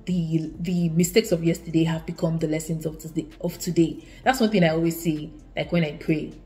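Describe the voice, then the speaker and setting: Here the student vlogger talks a little fast in a low, mellow voice with fairly even intonation. The young Igbo-accented Nigerian woman shares earnest, casual advice to camera from her living room, frequently restarting and repeating her sentences.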